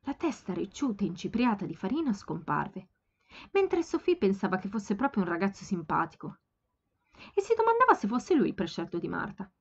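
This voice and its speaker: Calm woman reading an audiobook. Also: mid-range voice, husky, lo-fi sound. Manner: calm, steady storytelling. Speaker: amateur audiobook reader. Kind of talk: audiobook narration.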